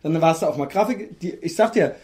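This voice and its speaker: A man's voice: fairly high pitch, animated, brisk, darkish tone. Rambling German storyteller man. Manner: rambling anecdote teller, acts out quotes. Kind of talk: casual chat.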